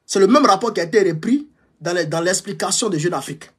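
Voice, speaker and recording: A man speaking as a political commentator in a fiery revolutionary-style address, emphatic and repeating his phrases for effect, with a husky voice. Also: high-pitched, expressive, fast.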